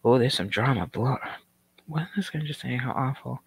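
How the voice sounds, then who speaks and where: A woman's voice: very deep voice, normal speed, husky, no room sound. Rambling, profane middle-aged woman streamer. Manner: rambling and profane, with many "um" and "like" fillers. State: has the hiccups. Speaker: livestream commentary host. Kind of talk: casual livestream chat, reading viewer comments.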